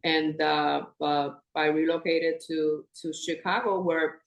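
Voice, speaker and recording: A woman's voice: sits low, slow, creaky. Woman in her fifties, from Puerto Rico. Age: 50s. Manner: animated, laughs often, restarts sentences. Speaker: podcast guest. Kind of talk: casual conversation. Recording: echoey room.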